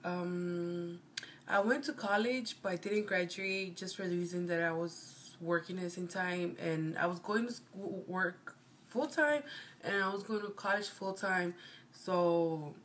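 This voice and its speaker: A Mexican American–accented woman in her twenties from Chicago, United States, vlogs casually to camera, rambling and meandering while often correcting herself. Her voice is fairly low-pitched, unhurried and a bit bright. A little hiss or hum sits in the audio.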